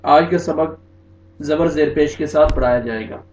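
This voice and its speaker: A man with an Urdu-speaking accent teaching Quran recitation, slowly drawing out verses and then explaining the rules in plain speech. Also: a little high, a little mellow. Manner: slow drawn-out recitation between plain spoken explanations. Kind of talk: tajweed recitation lesson. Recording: echoey, dull lo-fi sound.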